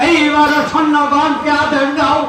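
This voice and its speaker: A man playing an imperious warrior ruler in folk theatre, booming out lordly orders in a declamatory way. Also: level tone, unhurried. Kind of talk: folk jatra stage acting. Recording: very echoey distant stage with music.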